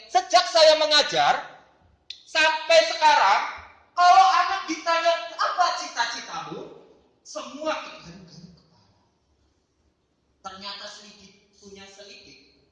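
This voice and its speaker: Playful middle-aged teacher, high and animated, calling on students by name; echoey room. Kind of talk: lively online class lesson.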